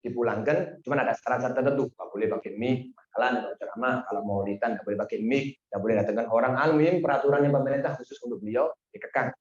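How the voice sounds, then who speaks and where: A man giving a sermon, telling a story and acting out its dialogue with sudden high exclamations. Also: racing, few pauses. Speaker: preacher. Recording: dull, roomy lo-fi recording.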